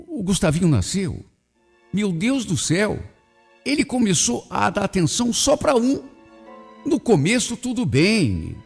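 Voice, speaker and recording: A man's voice: sits high, gravelly, husky. A man hosting a radio show, reading a listener's story in the first person with emotional, indignant delivery. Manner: emotional, swinging between indignation and pity.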